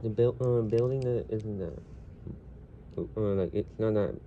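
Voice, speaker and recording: A man giving a casual, unscripted toy review, rambling with many fillers and restarts and getting loud at times. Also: on the low side, a little slow, lo-fi sound. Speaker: Lego reviewer. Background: faint household noise.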